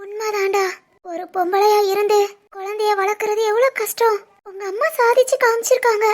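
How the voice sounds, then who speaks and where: A woman voicing a caring young wife who comforts her husband, in an animated family drama, with a Tirunelveli Tamil accent. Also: very high voice, moderate pace. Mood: tender. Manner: soothing, coaxing.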